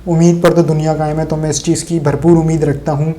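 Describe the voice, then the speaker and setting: A man's voice: on the high side, flat delivery, dark tone, slight background noise. A man from Pakistan delivering sarcastic, opinionated solo political commentary straight to his viewers.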